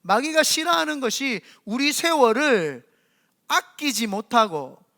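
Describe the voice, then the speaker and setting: A middle-aged Korean man, preaching a sermon as senior pastor and telling animated stories in which he acts out the voices in quotes. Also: very high-pitched, unhurried, creaky.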